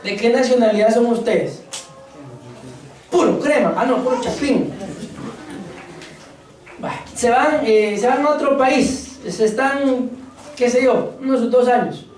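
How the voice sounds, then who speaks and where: Woman preacher, fairly high voice, questions and jokes with the flock, recorded from afar in a booming church hall. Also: slow pace, pauses often, a little mellow, slight background noise. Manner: asks the congregation questions, jokes between points. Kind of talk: church sermon. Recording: very echoey church hall, mic far off.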